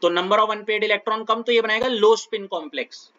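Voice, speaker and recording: A man's voice: sits high, fairly even intonation, moderate pace, sharp tone, highs cut off. A male chemistry teacher giving a classroom lecture in a coaxing way, often checking that the student follows.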